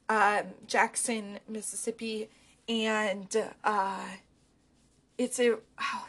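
Slightly high-voiced woman chatting about books. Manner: hesitant, with frequent ums and restarts. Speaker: book vlogger. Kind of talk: casual book chat.

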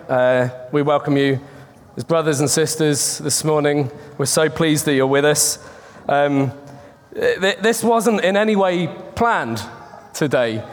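A man preaching an earnest, chatty sermon at a pulpit microphone, often restarting his words. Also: a little high. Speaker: pastor. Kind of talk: conversational sermon. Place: church sanctuary. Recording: long reverb of a church hall.

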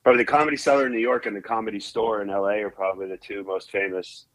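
A young Canadian-born comedian, guesting on an interview, rambles casually with plenty of fillers and restarts. His voice is low, steady and fairly bright, and he talks at a racing speed. The recording quality is poor.

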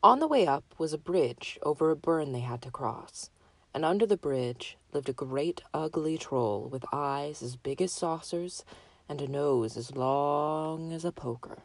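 Slow, low-voiced woman reading a fairy tale. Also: no room sound. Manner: measured, deliberate. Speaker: storyteller. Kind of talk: scripted fairy-tale narration.

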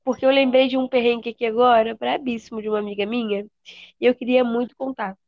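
A young woman, telling embarrassing stories in animated casual chat and acting out the quotes. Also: on the high side, fast, no room sound. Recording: dull lo-fi dry sound.

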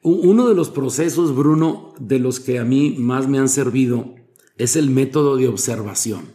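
Male preacher guest, instructive and measured, dark relaxed timbre. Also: medium pitch. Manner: teaching, explains with Bible quotes and examples. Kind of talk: conversational interview about preaching.

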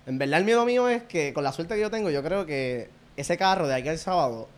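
A man's voice: fairly high pitch, expressive, quick pace. A young Puerto Rican man chatting casually as a podcast co-host, laid-back, swearing often and laughing a lot. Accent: Puerto Rican Spanish. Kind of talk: casual chat.

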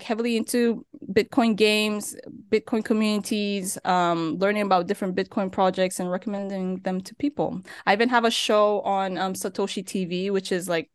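As a guest in a casual podcast interview, a young woman originally from Turkey and now based in Nigeria chats freely, with frequent fillers and laughter. Her voice is mid-range and smooth, and the recording has no echo.

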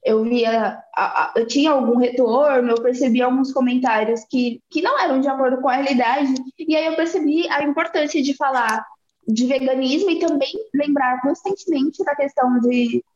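High-voiced Bahian woman in her twenties. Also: normal speed, echoey room, dull audio. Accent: Bahian Portuguese. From Bahia, Brazil. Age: 20s. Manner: relaxed, chatty, laughs easily. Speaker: guest, activist. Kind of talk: casual interview talk.

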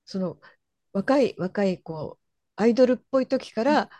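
A woman's voice: fairly high pitch, animated, normal speed, mellow, no room sound. A woman co-hosting a podcast, inquisitive, asking short questions in casual chat. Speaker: podcast co-host.

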